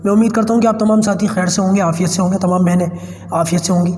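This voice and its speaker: A man's voice: high-pitched, little pitch movement, darkish tone, in a large hall, faint music behind. A man teaching Quran reading in an online class, patiently spelling out drills, with a cold and a cough, speaking with a Pakistani Urdu accent.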